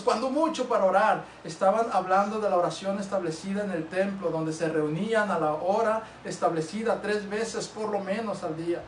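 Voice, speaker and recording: Male pastor, earnest sermon delivery, high voice, captured distantly in a roomy church hall. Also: slight background noise. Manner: earnest, swings between loud exhortation and hushed storytelling.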